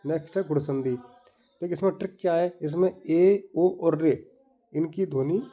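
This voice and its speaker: A man's voice: fairly high pitch, normal speed, dark tone. A man teaching grammar in an exam-prep lesson, explaining step by step and repeating each term. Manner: explains step by step, repeating terms and asking the viewer to look.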